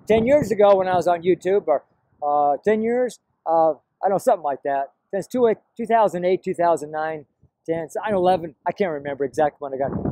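The audio is poor in this outdoor clip of a middle-aged to older American man preaching to camera on a park path by a road. He rambles emphatically and repeats himself, his high voice carrying a dark tone.

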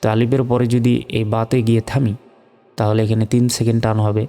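A man teaching Quran recitation step by step, spelling out letters and vowel marks, then chanting the words slowly and drawn out. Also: mid-range voice, flat delivery, mellow, long reverb tail, faint music behind.

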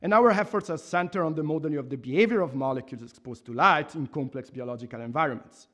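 The speaker is a man in his thirties from Italy whose voice is fairly high-pitched and fairly bright, with an Italian accent. Reading a formal laudation from notes at a university lectern into a microphone on a stand, the professor sounds earnest and measured, with restarts and emphatic pauses.

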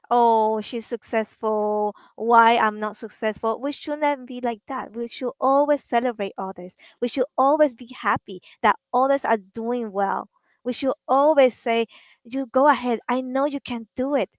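A woman from the Dominican Republic speaks as a guest on a video call in an earnest, encouraging way. Her voice sits fairly high, and the headset mic gives a close, dry sound with little room. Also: no echo. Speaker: guest, marketing consultant. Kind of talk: casual interview talk. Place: room at home, indoors.

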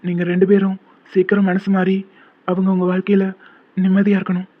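A devoted young man from a cartoon love story, voiced by a man, speaking earnestly in a high, level voice. The sound is tinny and phone-like. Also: completely flat delivery, a little fast, natural voice. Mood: tender. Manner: earnest, soft-spoken comforting. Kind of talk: cartoon voice acting.

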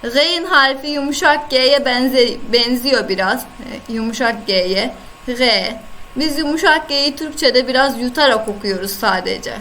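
A woman with a Turkish accent gives a recorded online lesson through her computer mic. She speaks slowly in a fairly high voice, repeating each sound with patient care, and a faint noise hums under her. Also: pushed and bright, low-quality recording. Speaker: Arabic teacher. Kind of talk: online lesson, screen-share.

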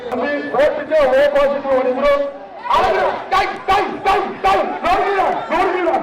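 A very high-pitched man calls a bull-taming event through a megaphone and belts out repeated cheers and counts. His amplified voice echoes from far off across an outdoor arena. A loud crowd roars behind him. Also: moderate pace, heavy background noise. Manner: shouting repeated cheers, urging and counting the riders. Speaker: bullfight announcer. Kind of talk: live event commentary over a PA. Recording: echoey loudspeaker audio from afar, loud crowd.

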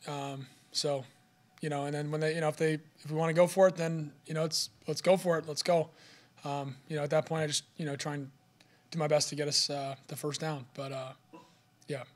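Standing at the podium mic before a sponsor backdrop, this young adult quarterback answers the press after the game. He talks fast and evenly in a slightly high voice, leaning constantly on the filler "you know."

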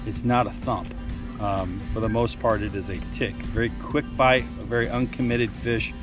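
A man's voice: steady tone, moderate pace, over music. A middle-aged man, a fishing guide, talking casually and enthusiastically to camera while fishing from a boat on a lake, recorded on an action camera. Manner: enthusiastic, chatty salesman pitch with fillers. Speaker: fishing guide and channel host. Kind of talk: outdoor fishing vlog, product talk.

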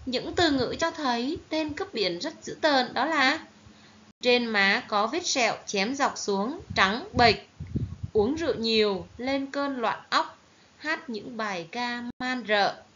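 Brief: woman teacher with a Southern Vietnamese accent, clear and careful diction, fairly high voice, dull lo-fi recording. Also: expressive, a bit bright. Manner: slow, careful, clearly enunciated teaching delivery. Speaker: primary school teacher. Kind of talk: recorded online reading lesson for children. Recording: dull lo-fi recording with faint hiss.

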